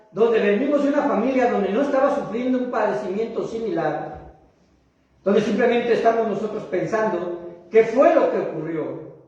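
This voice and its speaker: A man with a Mexican accent preaching a sermon to his congregation, drawing out key words slowly and checking in with them often. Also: high voice, darkish tone. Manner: addresses the congregation, often tags "¿verdad?"; slow, emphatic phrasing of key words. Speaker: pastor. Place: church sanctuary. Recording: very echoey hall, mic at a distance, dull sound.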